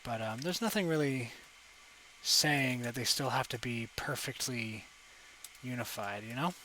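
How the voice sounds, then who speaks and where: A man's voice: medium pitch, unhurried, sharp tone, a little hiss or hum, rough recording. A young man talking through a live digital sculpting session at his desk mic, thinking aloud with lots of fillers and self-corrections. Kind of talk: casual live tutorial commentary. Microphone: desk microphone.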